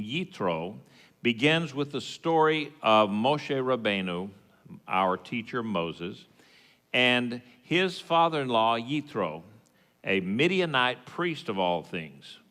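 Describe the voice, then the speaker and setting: Male preacher, West Texas twang, folksy and halting, unhurried delivery, big reverberant hall. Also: medium pitch, animated, a bit bright. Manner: folksy, halting, plain-spoken asides. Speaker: congregation teacher giving the sermon. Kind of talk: informal teaching sermon with scripture readings. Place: reverberant hall at a worship service.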